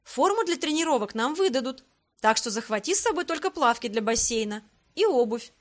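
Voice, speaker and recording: A woman voicing a bold, cheerful young heroine who bosses and teases in a brisk, commanding way. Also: high voice, animated. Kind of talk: audiobook character reading.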